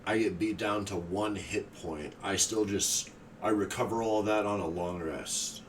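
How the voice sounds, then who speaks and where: Low-voiced dude playing a tabletop game, laid-back, cracks jokes and swears, faint hiss. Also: male voice, a little slow. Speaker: player. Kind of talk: casual tabletop game chat.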